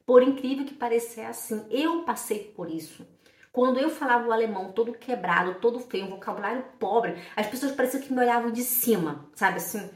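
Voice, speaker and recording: A woman teaching German in a casual online lesson, chatty, repeating words slowly to model pronunciation. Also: a little high, distant mic. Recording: echoey room, voice a bit off-mic.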